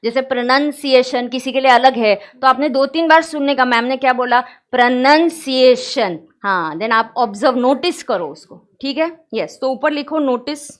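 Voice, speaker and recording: High-voiced Indian woman teaching class. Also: a bit bright. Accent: Indian English. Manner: dictating notes slowly, addressing students directly. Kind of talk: classroom lecture mixing Hindi and English. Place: classroom with students.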